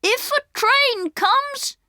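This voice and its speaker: A woman voicing a brave young boy who leads his siblings, in a high excited child voice for a storybook reading. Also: extremely slow, no echo, studio quality, heavily acted. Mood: earnest.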